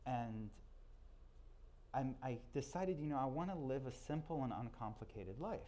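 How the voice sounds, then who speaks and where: A young man from Israel with Hebrew as his first language, giving a conversational, self-deprecating talk to a live audience with halting restarts. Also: mid-range voice, expressive, warm tone. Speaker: speaker.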